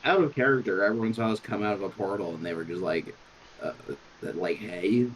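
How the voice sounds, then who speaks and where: A man playing in a tabletop game, describing his character haltingly with many fillers. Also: lowish voice, lively intonation, a little hiss or hum. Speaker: player. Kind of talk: tabletop role-play chat.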